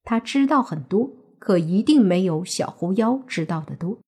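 A woman narrating a serialized suspense novel as an audiobook, steady storytelling. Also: mid-range voice, moderate pace, slightly rough.

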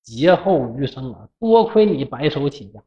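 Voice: medium pitch, big pitch swings, moderate pace, mellow, reverberant, natural voice. The storyteller voicing a grieving poor young scholar, anxious and pleading, in a Northeastern Mandarin accent, on a dull lo-fi recording.

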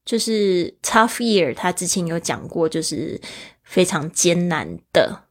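A woman hosts a vocabulary lesson, walking through each word patiently and spelling it out letter by letter. Her voice sits a little low for a woman. She keeps a steady explaining tone throughout. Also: slow. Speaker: English teacher and podcast host.

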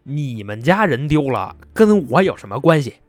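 A man voicing a short, scheming village man who wails loudly and plays the victim. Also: sing-song, normal speed, no echo, faint music behind. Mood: indignant. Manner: shrill wailing, playing the victim.

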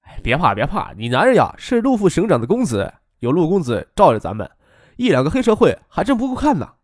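A man's voice: fairly high pitch, big pitch swings, fast, no room sound, studio quality. A man voicing a cynical, wisecracking young man in an audiobook. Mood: joking. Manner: sardonic, joking. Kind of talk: audiobook character voice.

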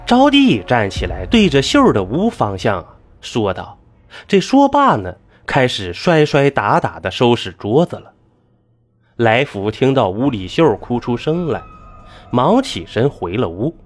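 Expressive male storyteller, husky voice. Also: medium pitch, unhurried. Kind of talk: serialized story narration.

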